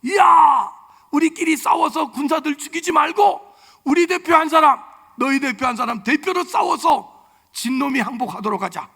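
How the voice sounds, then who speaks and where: A man voicing a boastful giant male warrior who shouts taunts at his enemies. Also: sits high, flat delivery, racing, creaky, few pauses, in a large hall. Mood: challenging. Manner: shouting, jeering.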